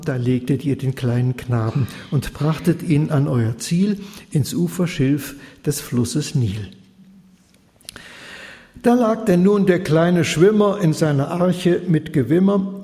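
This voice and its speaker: A man reading a Bible story aloud, partly in rhyme, lilting and expressive. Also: fairly high pitch. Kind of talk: rhymed scripted narration. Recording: long hall reverb.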